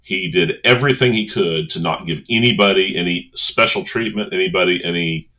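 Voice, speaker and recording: Male coach, low and forceful, earnest and conversational motivational delivery, slightly lo-fi. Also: fairly quick. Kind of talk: informal motivational talk.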